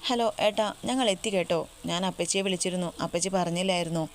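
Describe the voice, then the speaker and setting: A woman voicing a cheerful young girl who chats brightly. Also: fairly low pitch, fast talker, a little hiss or hum, natural voice.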